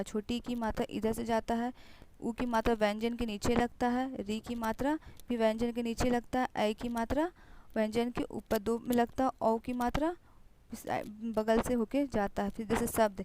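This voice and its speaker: A woman's voice: fairly high pitch, a little mellow, slight background noise, rough recording. A woman teacher explaining grammar patiently to young children, repeating sounds and examples. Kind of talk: online Hindi grammar lesson for young children.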